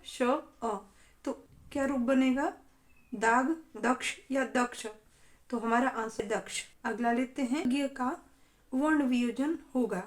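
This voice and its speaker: Female tutor with a high-pitched voice, calmly explaining answers in an exam-prep lesson. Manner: steady explaining, question and answer. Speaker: teacher.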